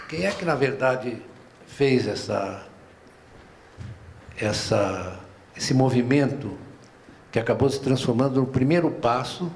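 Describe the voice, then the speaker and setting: An older man with a Paulistano Brazilian accent, speaking on a round-table panel in an unhurried, discursive way, often tagging his phrases with a questioning aside and restarting his sentences. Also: mid-range voice, a little mellow, slight background noise. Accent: Paulistano Brazilian Portuguese. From São Paulo, Brazil. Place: museum auditorium.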